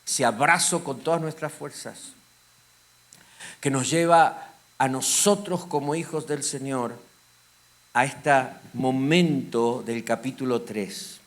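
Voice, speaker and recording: A man pastor preaching a sermon with a Rioplatense Spanish accent, swinging from loud emphatic lines to hushed, intimate ones. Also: mid-range voice, slow pace.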